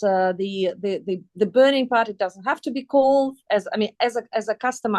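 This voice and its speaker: A woman's voice: on the low side, a little mellow, dry recording. Dry-sounding woman moderator from Kazakhstan. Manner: thoughtful, with many ums and repeated words. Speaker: webinar moderator. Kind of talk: moderating a panel discussion. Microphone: video call.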